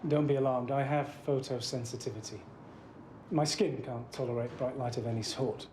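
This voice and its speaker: A man playing a reclusive, awkward neighbour in a film drama, speaking in short, halting sentences. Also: medium pitch, echoey room, background noise, natural voice. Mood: awkward, quiet. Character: reclusive male neighbour, light-sensitive, awkward host.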